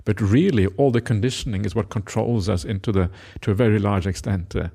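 Norwegian-born monk with a low, gravelly voice. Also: male voice, a little fast. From Norway. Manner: reflective, tags lines with a questioning "eh?"; gentle laughter, hesitant fillers. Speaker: Buddhist monk teacher. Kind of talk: Dhamma talk Q&A.

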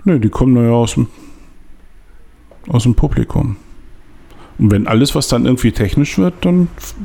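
A man with a gravelly edge to his voice talks about his work in a loose, casual chat. He rambles, restarts his sentences and leans on fillers as he goes. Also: mid-range voice, animated, normal speed, mellow. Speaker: photographer and podcast co-host.

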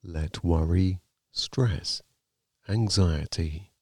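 A man narrating a guided sleep meditation like a sleep story, in a calm, soothing, gently measured manner. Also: low voice, husky, dry recording, clean studio sound.

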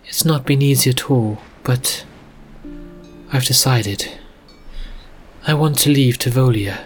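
A man voicing a young woman apprentice mage, earnest and nervous, speaking in a halting, hesitant way. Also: medium pitch, faint music behind, voice pushed up, close to an everyday voice.

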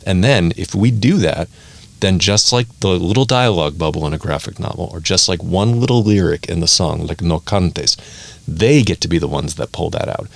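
Male podcast guest, deep-pitched, casual explanatory talk with emphatic repeats. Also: normal speed, vocal fry, no echo. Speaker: podcast guest, language educator and songwriter.

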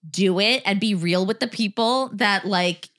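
A woman's voice: medium pitch, a little slow, fairly bright tone. A woman in her thirties hosting a podcast, chatting candidly and rambling, laughing as she talks while in pain from back spasms. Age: 30s. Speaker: podcast host. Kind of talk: casual chat.

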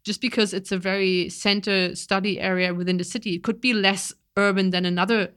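A woman's voice: mid-range voice, little pitch movement, brisk, a bit bright, clean tone. A young woman explaining her wildlife research in casual chat, eager, with many restarts and fillers.

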